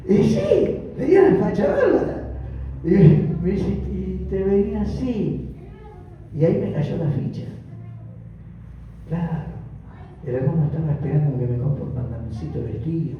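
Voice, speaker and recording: Argentine guy preaching his testimony, highish voice, lots of echo from far off in the church. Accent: Argentine Spanish. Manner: storytelling, animated, acts out dialogue with laughs. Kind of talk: sermon testimony. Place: church hall. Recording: distant, echoey, dull church recording with hiss.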